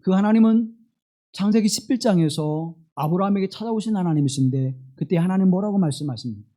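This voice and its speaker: High-voiced pastor with a mellow tone. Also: male voice. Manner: slow, dramatic scripture reading with wide swings in loudness; asks the congregation rhetorical questions. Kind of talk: sermon. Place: church.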